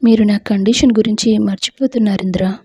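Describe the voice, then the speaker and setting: A woman's voice: mid-range voice, steady tone, fairly quick, warm tone, slightly rough, dry recording, highs cut off. Woman voicing a stubborn young woman in love. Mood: determined.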